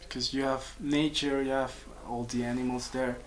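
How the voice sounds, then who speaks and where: A Peruvian composer and musician in his 20s gives casual interview answers in a small office with pictures on the walls. His medium-pitched voice is flat, and he pauses to search for words with halting restarts, against a faint background hiss.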